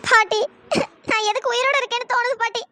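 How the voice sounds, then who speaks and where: Performer doing a crying young cartoon wife, sobbing and pleading, very high, bright and thin. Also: steady tone, fast talker. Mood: despairing. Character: young wife, heartbroken, wrongly blamed. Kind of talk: cartoon story voice acting.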